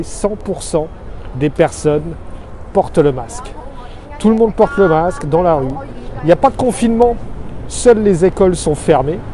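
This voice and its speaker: Man from Alsace, earnest, explanatory, mellow voice, slightly high pitch, city street outdoors, faint traffic behind. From Alsace, France. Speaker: expatriate vlogger. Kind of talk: informal video message. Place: street corner in a busy city neighborhood, outdoors. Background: faint city street and traffic noise.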